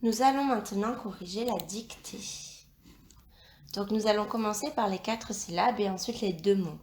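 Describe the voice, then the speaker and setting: A woman teacher giving a dictation lesson, slowly spelling out sounds and letters. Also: mid-range voice, darkish tone, echoey room, slight background noise. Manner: slow, carefully spelled-out instruction.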